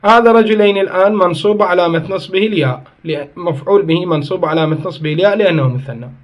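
A man with a high voice delivers a grammar lesson at rapid-fire speed. He breaks it down step by step, responds to his own questions, and catches and corrects himself mid-sentence.

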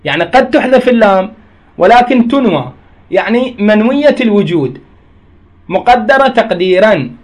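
Male teacher, high pitched, patient and repetitive explainer. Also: expressive, normal speed. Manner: reads a passage, then re-explains it with repeated examples. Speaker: Arabic grammar teacher. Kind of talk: explaining a grammar text line by line.

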